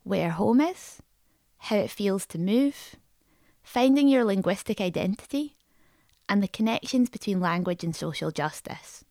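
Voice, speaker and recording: A woman's voice: medium pitch, animated, unhurried, dark tone, no echo, studio quality. A woman hosting a podcast, reading a scripted narration. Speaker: podcast host.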